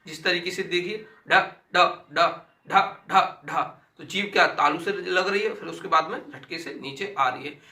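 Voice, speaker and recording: A man with a fairly high, very bright voice teaches an exam-prep grammar lesson, recorded in a room with a noticeable echo. He drills each sound by saying it aloud again and again. He poses questions and answers them himself. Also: moderate pace, few pauses.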